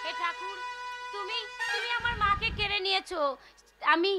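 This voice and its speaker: Young heroine for a woman: an orphaned village girl, high-voiced and tearfully pleading, heavy music. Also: normal speed. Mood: grieving. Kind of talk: rural folk stage play.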